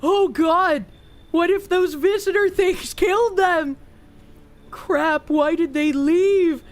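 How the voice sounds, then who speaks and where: A woman's voice: extremely high pitch, slow. A woman voicing an anxious, dim young man who has been left alone, talking in a frightened, pleading ramble. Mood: scared, pleading.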